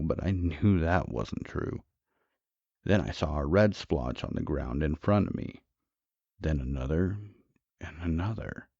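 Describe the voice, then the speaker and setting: Brief: very low, gravelly male narrator for horror tales, dry and slightly lo-fi. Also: dark tone, dry recording. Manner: measured, dramatic. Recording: dull, dry, lo-fi.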